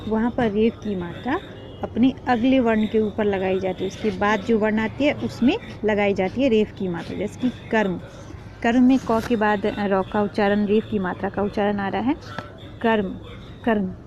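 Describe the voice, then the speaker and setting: A woman teaching parents a spelling lesson, speaking slowly and patiently and repeating each sound. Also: mid-range voice, fairly even intonation. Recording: dull lo-fi with faint noise.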